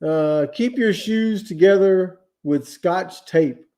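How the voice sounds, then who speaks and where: A tired man chatting casually as co-host of a livestream, easygoing and quick with a "yep". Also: high voice, warm tone. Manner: easygoing, says yep a lot. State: tired, yawning. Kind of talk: casual chat.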